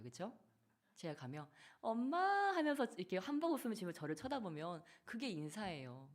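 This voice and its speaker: Woman pastor in her thirties, low-pitched, lively sermon delivery with playful acted quotes. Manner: lively, animated preaching with acted-out quotes and soft asides. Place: church sanctuary.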